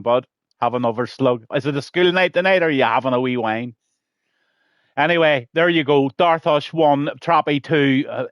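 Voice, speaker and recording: A man's voice: mid-range voice, no echo. A man with an Irish accent giving live sim racing commentary from his room at home, chatty and joking with viewers. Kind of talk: live race commentary and chat banter.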